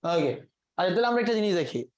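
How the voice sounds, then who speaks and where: A man's voice: high-pitched, sing-song, quick pace. A man leads a classroom vocabulary lesson. He explains each word step by step, stopping to quiz the students. He drops English terms into his sentences as he teaches. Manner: asks the class quiz questions, mixes in English words.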